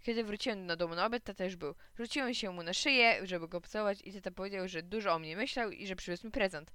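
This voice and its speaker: A woman reads a children's story aloud, telling it in first person as a little boy. Her voice is bright and crisp, with lively storybook expression. The sound is dry and close. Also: mid-range voice, fast talker, dry recording.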